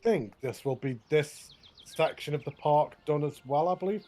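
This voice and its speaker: A man's voice: a little high, moderate pace, dark tone. A man chatting casually as a gaming co-host, easygoing and rambling with tag questions, on a headset. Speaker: co-host of a park tour.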